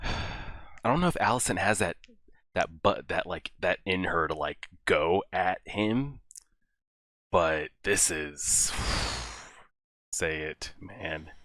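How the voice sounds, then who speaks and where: A man with a very low voice and a forceful, bright edge talks through a show in casual reaction commentary. He exclaims and talks back to the screen, and the sound is dry and close. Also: takes it slowly, pauses often, no echo. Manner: animated, exclaiming and talking to the characters. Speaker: reaction video host.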